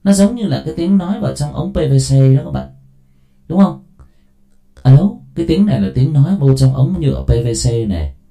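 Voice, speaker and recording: A man's voice: on the high side, lively intonation, brisk, dark tone, faint music behind. Man speaking through a plastic-tube voice filter. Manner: chatty, keeps asking the listeners to agree. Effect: voice filter that sounds like talking into a plastic tube. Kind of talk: casual livestream chat testing voice effects.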